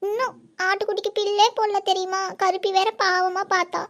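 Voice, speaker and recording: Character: a woman voicing a young village heroine. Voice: high, bright. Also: level tone, fairly quick. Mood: coaxing. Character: young village woman, teasing then guilt-ridden. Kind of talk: cartoon voice acting.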